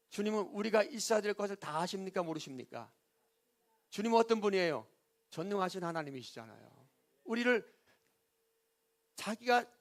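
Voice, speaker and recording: A man's voice: high voice, fairly bright tone. A male pastor preaching a sermon in a church, asking rhetorical questions, answering them himself and calling on the congregation for an amen. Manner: call-and-response, repeatedly asking the congregation for amen. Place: church sanctuary.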